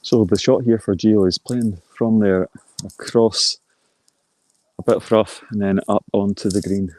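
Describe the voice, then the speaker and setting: A man giving informal live golf commentary, explaining shots in a measured way and reacting briefly as they play out. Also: on the low side, steady tone, a little mellow, no echo, low-quality recording.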